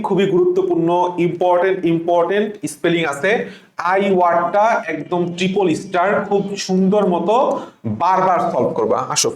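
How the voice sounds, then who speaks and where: Bangladeshi male tutor, high voice, slow letter-by-letter spelling drills, echoey room. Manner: spells words out slowly letter by letter. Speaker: English teacher. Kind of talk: exam prep lesson.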